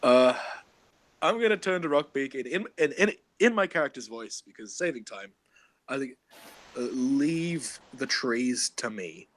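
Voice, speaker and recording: A man's voice: medium pitch, sing-song, normal speed, pauses often, fairly bright tone. A man voicing his character in a tabletop role-playing game, laughing often as he plays. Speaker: player. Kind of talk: casual tabletop role-play.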